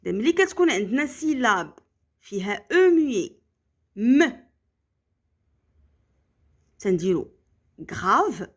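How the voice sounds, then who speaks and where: A woman teacher with a Moroccan accent, explaining French grammar to children slowly and carefully, checking often that they have understood. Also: medium pitch, big pitch swings, husky. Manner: slow, carefully spelled-out explanations with frequent comprehension checks.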